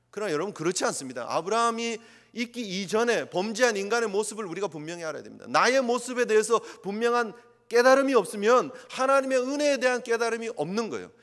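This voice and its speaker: A man's voice: high voice, fairly bright tone. A male pastor preaching an impassioned sermon, sometimes acting out quoted voices. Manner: impassioned, acts out God's voice in quotes. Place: church sanctuary. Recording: long church reverb.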